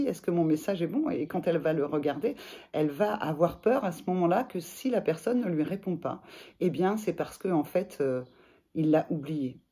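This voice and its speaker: Woman, husky, mellow, gentle hesitant coaching talk to camera. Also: deep voice. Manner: gentle, hesitant with many fillers. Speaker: sophrologist and life coach. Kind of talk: casual advice talk to camera.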